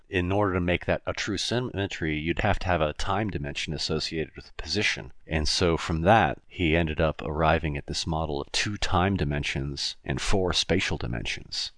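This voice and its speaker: A man's voice: extremely low pitch, fairly bright tone, no echo, studio quality. A man co-hosting a podcast, explaining ideas in a casual, thinking-aloud way and laughing easily. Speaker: podcast co-host.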